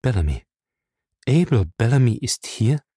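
A man's voice: medium pitch, big pitch swings, unhurried, mellow, husky, dry recording, clean studio sound. A man reading a novel aloud, voicing an evasive young man who answers coolly and irritably. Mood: drowsy, offhand. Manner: cool, offhand, irritable.

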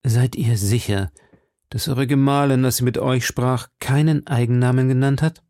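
A man's voice: mid-range voice, fairly even intonation, moderate pace, dark tone, no room sound, clean studio sound, natural voice. A man voicing a scheming male agent of the cardinal in a read-aloud storybook, with a cold, scornful way of questioning. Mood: probing.

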